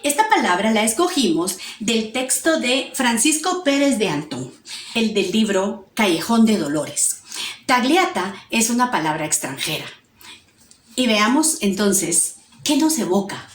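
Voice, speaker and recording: A woman's voice: a little high, big pitch swings, a little slow, a little hiss or hum. Young Guatemalan woman in an echoey room. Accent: Guatemalan Spanish. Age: young adult. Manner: asks the audience questions as she explains. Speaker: university student presenter. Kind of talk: class presentation.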